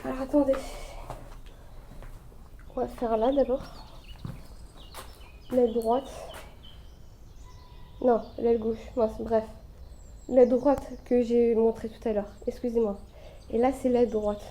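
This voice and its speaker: Young woman urbex vlogger, tense and hushed, slow and flat delivery, noisy handheld recording. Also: a little high. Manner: hushed, tense and hesitant, often half-whispering. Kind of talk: narrating while exploring. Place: abandoned château in a forest.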